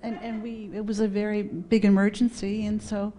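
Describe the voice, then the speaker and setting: Soft, hesitant woman from the audience. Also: mid-range voice, flat delivery, moderate pace, slight background noise. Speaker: audience member.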